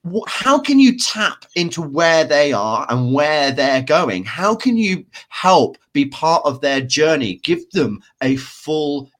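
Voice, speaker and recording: A man co-hosting a podcast, talking in a lively, animated way. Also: on the high side, slow, few pauses. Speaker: podcast co-host. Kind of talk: casual podcast discussion.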